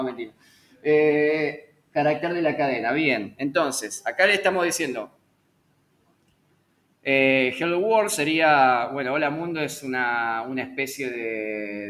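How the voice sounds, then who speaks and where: A man's voice: mid-range voice, pushed and bright. A man teaching a live online programming class, chatty and correcting himself with small jokes at his own slips.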